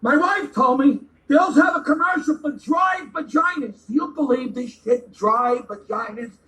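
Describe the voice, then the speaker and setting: Brief: man, high bright voice, heated comic rant, stammers and swears, recorded off-mic in a roomy space. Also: normal speed, recorded from a distance. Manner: shouting, stammering repeats, swearing. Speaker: ranting guest segment speaker. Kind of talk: angry comedic rant. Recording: echoey room, away from the mic.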